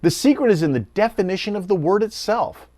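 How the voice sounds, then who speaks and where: A man's voice: sits high, lively intonation, a little fast, warm tone, no echo. A middle-aged American man narrating a documentary in a wry, storytelling way. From United States.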